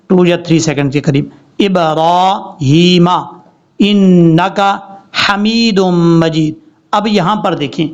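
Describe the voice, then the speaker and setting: A man teaching prayer pronunciation, slowly drawing out recited Arabic words between explanations. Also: on the high side. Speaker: tajweed teacher. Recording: dull lo-fi recording.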